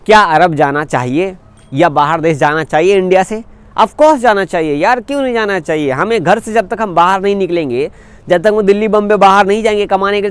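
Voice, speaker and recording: A man's voice: sits high, smooth, dry recording. A young man from India talking straight to camera in a vlog, giving earnest, repetitive advice to his viewers. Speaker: vlogger. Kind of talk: direct-to-camera vlog talk.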